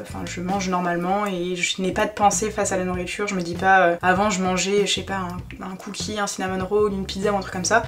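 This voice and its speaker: A young woman in her twenties vlogging at home, frank and self-mocking, chatting freely with lots of fillers. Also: medium pitch. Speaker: lifestyle vlogger. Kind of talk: candid chatty vlog talk.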